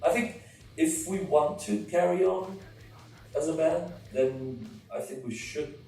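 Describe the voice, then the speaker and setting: A man from Chile talks as a guest in a casual interview. He is relaxed and thinks aloud, hedging as he goes. He is heard from a distance in a strongly echoing room, with a little music underneath. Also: fairly high pitch, unhurried. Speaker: band member guest. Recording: very echoey distant mic with faint music.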